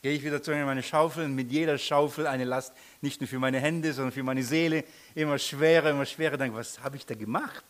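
A man's voice: medium pitch, steady tone, fairly quick, hardly any pauses. A middle-aged man, telling a personal story in a sermon, often restarting and laughing at himself.

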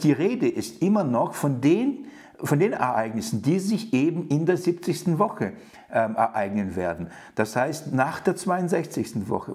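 Preaching with earnest emphasis, a man in a mid-range, darkish voice gives a sermon-like Bible teaching. He often restarts and fills gaps, and he keeps turning to his listeners with questions.

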